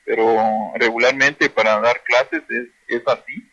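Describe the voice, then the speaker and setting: A man teaching a language class, slowly repeating and drilling words for his listeners. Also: medium pitch, steady tone, fairly bright tone, highs cut off. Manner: slow, repetitive drilling of words.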